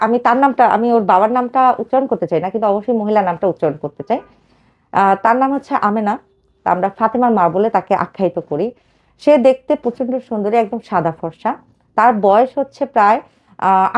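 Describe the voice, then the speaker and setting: Fast-talking woman telling her life story. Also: medium pitch, a little mellow, muffled recording. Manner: fast, emotional storytelling with many fillers. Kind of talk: personal life story told to a radio host.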